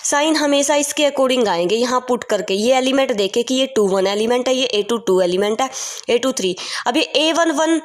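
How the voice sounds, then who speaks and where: Higher-pitched woman teaching maths. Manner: explains step by step, repeating points and asking the class questions. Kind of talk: classroom lesson explanation.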